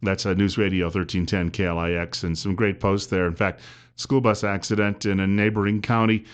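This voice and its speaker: A male talk radio host with a smooth, practiced radio host delivery and a low-pitched voice. He moves easily through breaks, station plugs and introductions of callers and guests. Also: level tone, fairly quick. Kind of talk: live talk radio hosting.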